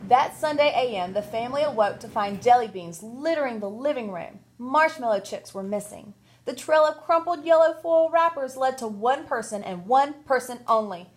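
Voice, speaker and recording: A woman teacher narrating a children's story aloud in an expressive, playful way. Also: a little high, slight background noise, poor audio.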